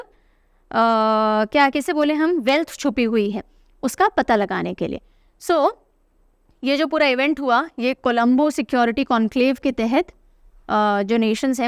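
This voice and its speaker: A young woman gives an exam-prep current affairs lesson, asking questions aloud and answering them herself. Her voice sits high and rings clean and resonant. The sound is dry and close, with no room echo. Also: clear, resonant tone. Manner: explanatory, asks and answers her own questions. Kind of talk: exam-prep lecture, Hindi mixed with English.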